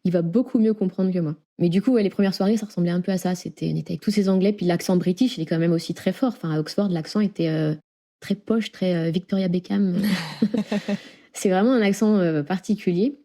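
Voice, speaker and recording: A young woman tells her story as a guest, chatty and quick. Her voice sits low with a dark, mellow tone. She laughs easily and leans on fillers as she talks. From France. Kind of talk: casual interview chat.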